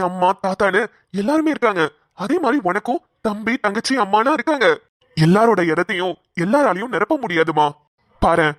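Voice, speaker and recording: A woman's voice: mid-range voice, no room sound, natural voice. A patient young husband in a cartoon, played by a woman who keeps coaxing and reassuring his wife. The voice sits at an ordinary middle height. It sounds dry and close to the mic. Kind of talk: Tamil cartoon drama voice acting.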